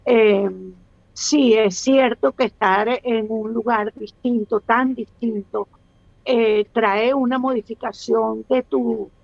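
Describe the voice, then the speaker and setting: A woman's voice: on the high side, fairly even intonation, slow, creaky, darkish tone, no echo, muffled recording. A Venezuelan woman in her sixties, a guest speaking on a video call, thoughtful and hesitant with many restarts. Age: 60s. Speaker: guest, actress. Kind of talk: casual interview chat.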